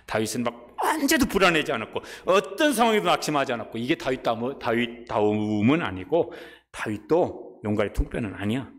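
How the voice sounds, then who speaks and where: A man preaching a sermon as a pastor, animated and acting out quoted voices. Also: mid-range voice, big-room sound.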